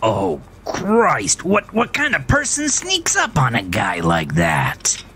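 A man's voice: medium pitch, huge pitch swings, slow, fairly bright tone, slight background noise, pitched above the performer's own voice, heavily acted. A man voicing a gaunt, foul-mouthed imaginary male friend who is crude and irritable, in an audio drama. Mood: irritated.

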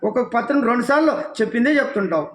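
A man's voice: very high voice, lively intonation, racing, a bit bright, roomy sound. A man from the region giving an impassioned political rant, scolding his target with one rhetorical question after another. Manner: scolding, rhetorical questions, addresses listener as nuvvu. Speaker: devotional channel speaker.

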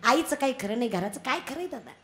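A woman's voice: high-pitched, lively intonation, fast, sharp tone. A young woman preaching a devotional kirtan sermon, teasing and scolding the crowd. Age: young adult. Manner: scolding, teasing, calls out to the audience.

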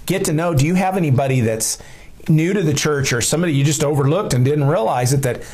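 A middle-aged man talks through church security tips in an easy, conversational way, often dropping in filler words. He sits close to the camera in a small room indoors, and his voice sits at an ordinary, mid-range pitch. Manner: relaxed and plain-spoken, leans on "you know" fillers.

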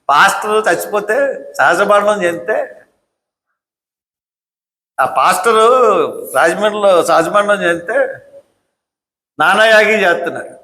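A political commentator gives a combative speech in a high, bright, forceful voice, scolding his listeners with rhetorical questions again and again. The hall is echoey.

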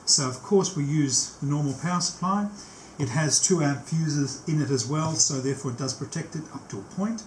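The speaker is a technician in his sixties demonstrating how a tape machine is set up, explaining unscripted as he goes and pausing mid-task. His pitch is fairly high. Recorded by a camera mic in a small cluttered workshop, the audio has room echo and faint background noise.

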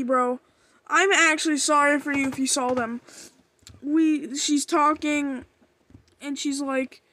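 High-voiced excitable woman recapping. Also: dry recording. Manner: rambling, excitable, full of fillers and restarts, bursts of loud cries. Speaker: fan recapping a cartoon episode. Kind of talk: casual episode recap.

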